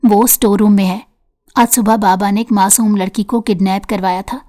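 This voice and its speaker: A young woman speaks in a quiet, hushed voice, as a woman reads her aloud. She sounds secretive in this spoken storybook. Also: medium pitch, fairly even intonation, lightly acted. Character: young woman, a worried friend.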